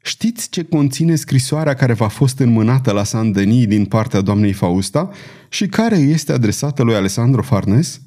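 A composed male swordsman in an audiobook, calm and wry, voiced by a man reading aloud in a warm and mellow tone. Every word sounds measured and unhurried. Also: mid-range voice, close to an everyday voice. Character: cool, witty male swordsman knight. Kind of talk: audiobook character voice.

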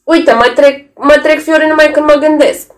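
A woman's voice: high voice, fairly even intonation, voice pushed up, natural voice. A woman voicing a frightened pleading tenant. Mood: agitated. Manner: pleading, agitated. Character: fearful pleading middle-aged man, a tenant.

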